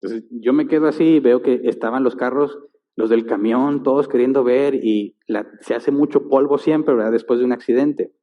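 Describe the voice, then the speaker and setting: A male pastor tells a story during his sermon, acting out its sounds and voices. His voice sits in the mid range and moves at a normal pace. The recording sounds tinny, echoing through a church hall.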